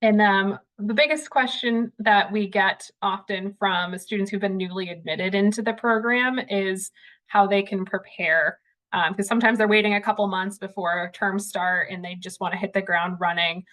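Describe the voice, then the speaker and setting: A woman's voice: mid-range voice, moderate pace. Casual woman moderating a panel. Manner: casual, conversational, relaxed phrasing.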